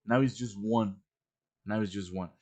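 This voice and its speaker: A man runs a casual, unscripted software tutorial on a live stream over voice chat, thinking aloud as he goes. His voice is fairly low and a little mellow, with fairly even intonation at normal speed.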